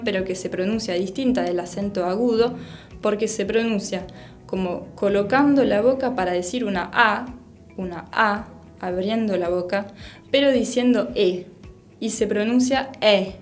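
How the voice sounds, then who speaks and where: A woman whose first language is French teaches pronunciation at a mid pitch, drawing out and repeating each sound so learners can copy it. She talks clearly and calmly, and soft music plays quietly behind her. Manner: patient, repeats and models sounds slowly. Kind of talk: pronunciation lesson.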